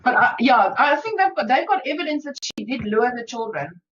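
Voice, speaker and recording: A woman's voice: on the high side, very animated, fairly quick, fairly bright tone. A woman co-hosting a podcast, chatting casually and thinking aloud with hesitant restarts. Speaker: podcast co-host. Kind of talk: casual chat. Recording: dull lo-fi sound with faint noise.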